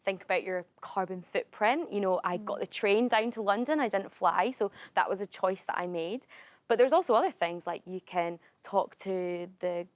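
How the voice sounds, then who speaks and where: A woman from Scotland with a Scottish accent, a guest explaining things clearly and with energy. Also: mid-range voice, moderate pace, dry recording.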